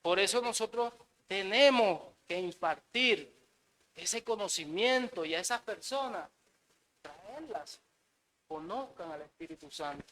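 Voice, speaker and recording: A man's voice: high-pitched, animated, a little slow, pushed and bright, rough recording. A married man preaching a sermon in an earnest way, often repeating words and saying amen. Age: adult, married.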